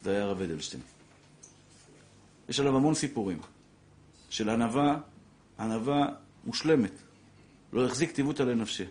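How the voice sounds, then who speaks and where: Middle-aged rabbi, vivid storyteller with a moved, emotional delivery. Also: male voice, mid-range voice, long pauses. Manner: animated storyteller, acts out quotes, grows emotional. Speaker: rabbi teaching a Torah class. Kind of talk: emotional religious lesson with storytelling.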